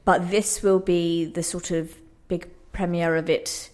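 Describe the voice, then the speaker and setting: In a radio interview, a woman playwright speaks earnestly and reflectively, explaining in a conversational way. Her voice is slightly low and a little mellow, with little pitch movement and an unhurried pace.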